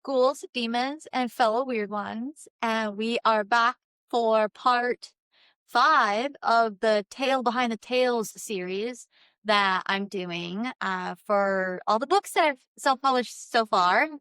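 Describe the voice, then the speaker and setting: A woman chats informally as a vlog host, rambling along with animated energy. Her voice sits fairly high and is very bright and smooth. The sound is dry and close, without room echo. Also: slow. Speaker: host, self-published author. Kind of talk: casual solo vlog chat.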